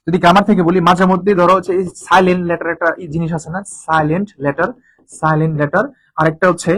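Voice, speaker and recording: Fast-talking high-voiced male tutor. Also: low-quality recording. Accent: Bangladeshi Bengali. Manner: colloquial, repeats key terms, asks rhetorical questions. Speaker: admission coaching tutor. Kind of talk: informal exam-prep lecture.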